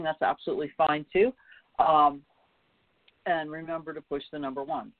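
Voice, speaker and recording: A man hosting a call-in radio show in a chatty, upbeat way, pausing with ums and restarting phrases. His voice sits a bit high for a man. It comes through a tinny, dry phone line. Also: no echo. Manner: chatty, filler-heavy, upbeat.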